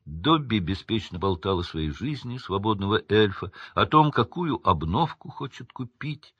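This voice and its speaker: Guy narrating a storybook, lively up and down delivery, husky, dull lo-fi sound. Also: lowish voice, moderate pace, no room sound. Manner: expressive, animated reading. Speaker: audiobook reader.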